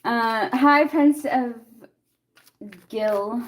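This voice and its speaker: A woman's voice: fairly high pitch, very slow. A young woman doing a casual tarot reading and chatting with viewers, laughing often and reacting to their comments. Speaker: tarot reader.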